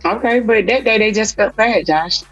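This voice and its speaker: A woman's voice: medium pitch, moderate pace. A woman co-hosting a casual podcast chat, playful and sarcastic, acting out the different ways she says her lines. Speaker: podcast co-host. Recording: dull lo-fi sound with faint music.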